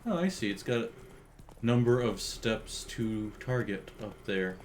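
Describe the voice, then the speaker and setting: A man casually commenting while playing a video game, thinking aloud in a relaxed way. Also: fairly low pitch, a little slow, a little hiss or hum. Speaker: game streamer.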